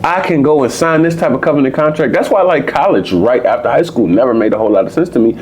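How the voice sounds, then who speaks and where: A man's voice: mid-range voice, fast talker, darkish tone. An American man in his twenties or thirties, co-hosting a podcast, rambling and profane in casual conversation. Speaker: podcast co-host.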